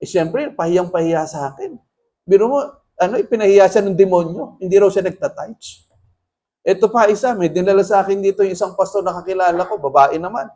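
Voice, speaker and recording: Man, pastor, sermon, animated storytelling, fairly high voice. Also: a little fast. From Philippines. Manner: animated storytelling, mixing English phrases in.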